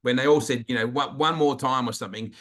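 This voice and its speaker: A man's voice: mid-range voice, fast. Chatty Australian male interviewer. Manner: chatty storyteller, animated when recalling. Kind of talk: casual chat interview.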